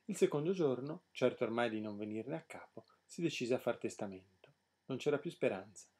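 A man narrates a fairy tale with an expressive, lively storyteller's delivery. His voice is husky and mellow, rising and falling widely. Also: mid-range voice, brisk.

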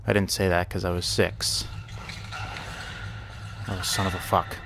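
A man's voice: sits low, flat delivery, a little slow, creaky, fairly bright tone. A young man casually narrating a horror game as he plays, rambling, swearing and muttering to himself, with yelps and curses when something jumps out at him. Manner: yelps and curses at jump scares. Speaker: gaming channel host. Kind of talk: let's play commentary.

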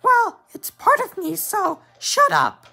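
King Ow Ow Ow, a squeaky cracking king. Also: wildly swooping pitch, slow, vocal fry, pushed and bright, heavily acted. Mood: defiant. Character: dark-world twin of the penguin king, stubborn and bratty.

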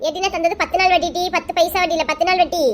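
A woman's voice: very high-pitched, level tone, rapid-fire, slight background noise. Woman playing a nagging old village moneylender. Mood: nagging demanding. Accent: Kanyakumari Tamil. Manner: nagging, demanding, blunt.

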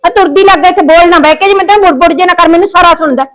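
An actress playing a bossy, fussy middle-aged aunt who scolds and makes picky demands, with a Punjabi accent. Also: female voice, extremely high pitch, rapid-fire. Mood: scolding. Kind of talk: village short film acting.

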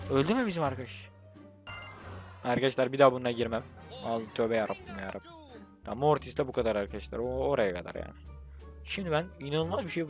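Guy from turkey yelling along at his mobile game, jokey and hyped, game music blasting. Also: mid-range voice. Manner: excitable, jokey, talks to the game and his teammates. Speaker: mobile gaming youtuber. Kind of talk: casual gameplay commentary. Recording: voice over loud game music.

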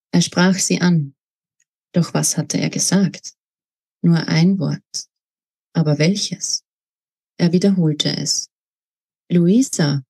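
Woman, author reading her novel, calm, measured, husky, mellow tone. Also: on the low side. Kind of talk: book reading.

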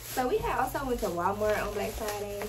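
A woman's voice: mid-range voice, lively intonation, brisk. A young woman vlogger in casual, informal chat, talking straight to her viewers from a small bedroom, recorded on a camera at desk distance. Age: young adult. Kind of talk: casual haul vlog chat. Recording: noisy background hiss.

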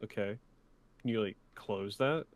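A man on a voice call guiding a friend through a game, relaxed, teasing and amused. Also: lowish voice, a little slow. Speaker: co-host on call guiding the player. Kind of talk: casual gaming chat.

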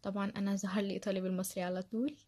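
This woman talks very fast in a flat, dark-toned voice of medium pitch. With an Egyptian Arabic accent, she gives study tips as a language learner during an informal screen-share, chattering on, repeating herself, and leaning heavily on fillers.

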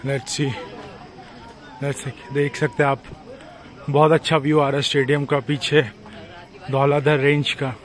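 A man's voice: on the high side, level tone, unhurried, long pauses. A young man filming a casual travel vlog on his phone at arm's length, chatting outdoors and mixing in English phrases. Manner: mixes Hindi with English phrases, chatty and upbeat. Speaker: travel vlogger. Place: outdoors on a hill-town rooftop and streets. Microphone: phone held at arm's length.

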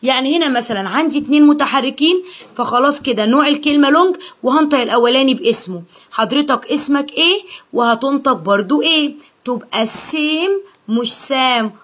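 A young woman with an Egyptian accent teaches phonics to children. Her voice sits a little high. She drills each sound slowly and praises her students cheerfully. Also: lively intonation, fairly bright tone. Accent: Egyptian Arabic. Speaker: English pronunciation teacher.

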